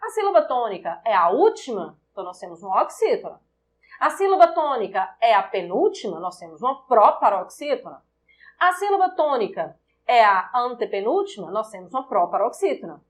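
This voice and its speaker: A Brazilian woman teaching a recorded Portuguese grammar lesson, speaking deliberately and repeating example words to stress their syllables. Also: fairly high pitch, big pitch swings.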